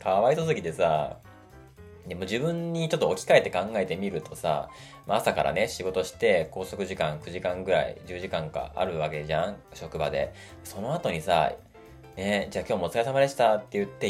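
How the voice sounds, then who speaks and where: Low-voiced man in a chatty monologue. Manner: chatty, animated, acts out quotes in a raised voice. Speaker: podcast host. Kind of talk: casual monologue.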